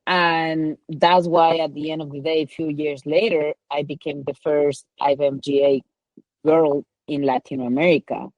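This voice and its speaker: A woman's voice: sits low, flat delivery, moderate pace, no room sound, highs cut off. A woman from Ecuador with a Spanish accent, a mountain guide telling her story in a casual interview, rambling with many "like" and "you know" fillers.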